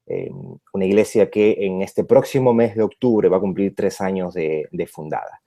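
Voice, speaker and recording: Hesitant pastor, dark voice. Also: male voice, deep voice, fairly even intonation, normal speed. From Peru. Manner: hesitant, many fillers and restarts. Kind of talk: radio interview conversation.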